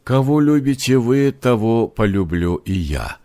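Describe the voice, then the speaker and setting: A man reading a nonfiction book aloud in a slow, measured way, with proverbs quoted between the passages. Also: mid-range voice, big pitch swings, warm tone. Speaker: audiobook narrator.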